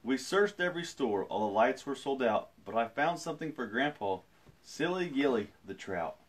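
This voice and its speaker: A man's voice: expressive, moderate pace. A man in his thirties, a father reading a picture book aloud to his daughter on a live stream, playful and breaking off for jokey asides. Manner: swings pitch widely, jumps high for quoted voices.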